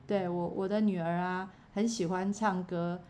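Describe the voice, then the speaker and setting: A middle-aged woman, chatting casually about faith and her songwriting, pausing often with fillers and restarts. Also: on the low side, fairly even intonation, dark tone, slight background noise. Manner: hesitant, many fillers and restarts. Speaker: songwriter and church worker.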